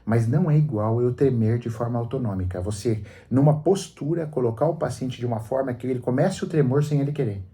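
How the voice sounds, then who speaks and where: A man's voice: mid-range voice, a little fast, few pauses, warm tone. A Brazilian man in a radio studio interview, explaining trauma therapy in an emphatic, storytelling way. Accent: Brazilian Portuguese. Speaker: psychologist guest on a radio show.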